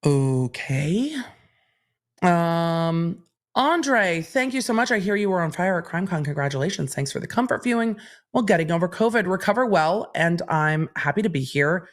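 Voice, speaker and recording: A woman's fairly low voice moves at normal speed while she hosts a livestream about legal matters. She reads viewers' questions aloud and answers them in a candid, chatty, evenly explaining manner.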